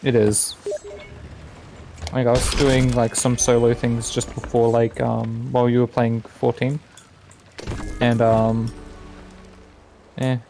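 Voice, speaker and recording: Young guy with a creaky, gravelly voice; playful, teasing co-op game streamer. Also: mid-range voice, monotone, slow, long pauses, over music. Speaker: streamer playing with a friend. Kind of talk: casual gaming chat.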